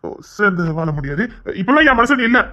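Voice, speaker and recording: A woman's voice: mid-range voice, sing-song, fast, pushed and bright. A woman voicing a proud, brusque husband in an audio drama, speaking in a grumbling, dismissive way. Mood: gruff, dismissive. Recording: dull lo-fi recording.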